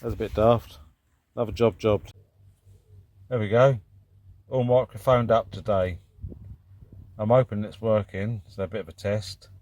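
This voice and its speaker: British man, lowish voice, casual DIY vlog host, matter-of-fact and rambling. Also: steady tone, measured pace, pauses often, darkish tone, lo-fi sound. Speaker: vlog host doing DIY car repairs. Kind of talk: casual chat and work commentary.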